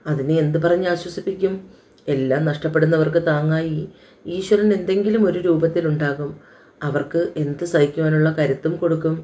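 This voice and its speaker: Calm woman reading a love story. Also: deep voice, a little fast. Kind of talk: scripted narration of an audio love story.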